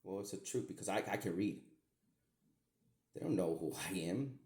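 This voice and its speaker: In an echoey room, a middle-aged man who hosts a podcast and describes himself as a medium meanders through a message to his daughter, repeating himself and swearing mildly. He speaks at a normal speed in a low, darkish voice.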